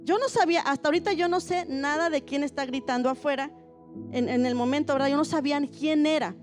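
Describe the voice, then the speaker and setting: Fervent high-voiced woman pastor. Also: fast, faint music behind. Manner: vivid storytelling that rises into fervent preaching. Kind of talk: sermon with a personal testimony.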